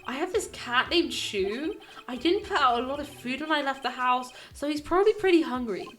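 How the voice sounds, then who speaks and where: A woman voicing a laid-back young male celebrity who talks in a slow, easygoing drawl. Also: high voice, lively intonation, fairly bright tone, soft background music. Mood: lazy.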